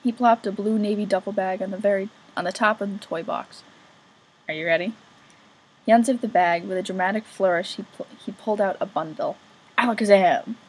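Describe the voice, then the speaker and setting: A woman's voice: mid-range voice, fairly even intonation, fast talker, few pauses, husky, rough recording. A woman reading a novel chapter aloud as an amateur reader, casually remarking on her own slips.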